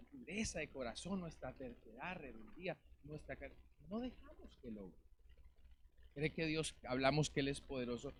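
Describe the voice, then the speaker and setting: A man preaching a lively sermon as pastor in a church, calling out questions to the congregation. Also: on the high side, slight background noise. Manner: calls out to the congregation, rhetorical questions. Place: church in Valencia, Spain. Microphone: live-streamed service mic.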